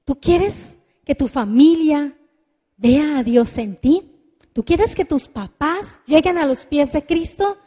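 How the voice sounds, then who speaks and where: A woman's voice: sits high, lively intonation, slow, dark tone, big-room sound. A middle-aged woman preaching a sermon, earnestly exhorting and putting direct questions to her listeners.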